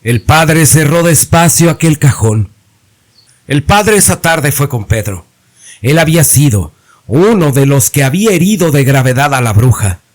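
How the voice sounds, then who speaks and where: A man narrating a horror legend in a deliberate, suspenseful way. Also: fairly high pitch, expressive.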